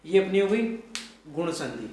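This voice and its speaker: A man's voice: high-pitched, big pitch swings, unhurried, a little mellow, slight background noise. A male teacher giving a grammar lesson, repeating points and quizzing the class with questions. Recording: echoey room, mic far off.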